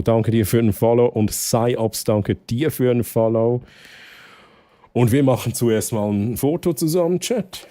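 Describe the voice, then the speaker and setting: A young man from Switzerland with a Swiss German accent talks casually to his stream chat. His voice is mellow and mid-pitched, recorded dry and close. He gets excitable, breaking into loud high exclamations. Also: no echo.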